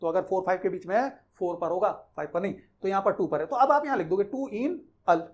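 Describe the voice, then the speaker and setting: A man's voice: high-pitched, quick pace. A man teaching chemistry, explaining naming rules in a conversational way and repeating the key points for students. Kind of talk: explaining IUPAC naming in a Hindi-English mix.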